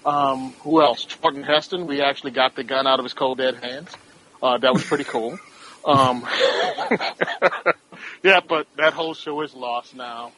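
Guy with a bright sharp voice, cracking jokes, exaggerating, faint hiss behind. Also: medium pitch, steady tone, normal speed, long pauses, poor audio. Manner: joking, exaggerated storytelling. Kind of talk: casual podcast chat.

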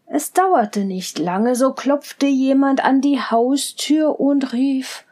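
A woman reading a fairy tale aloud, slow and deliberate, sometimes sinking to a whisper. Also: high voice, a little mellow. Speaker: storyteller.

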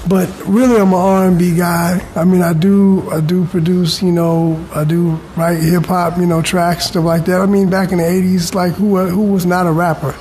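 A man's voice: high-pitched, little pitch movement, moderate pace, hardly any pauses, darkish tone, poor audio. A middle-aged man from California talking casually and informally as an interview guest. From California, United States. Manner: conversational, informal, often says "you know" and "man". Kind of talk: casual chat. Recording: faint background noise.

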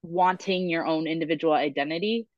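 A woman's voice: low-pitched, steady tone, a little fast, dry recording. A woman podcast host asking questions in a casual interview, hedging her words with lots of fillers. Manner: searching, hedging phrasing with many fillers. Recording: dull, dry lo-fi audio.

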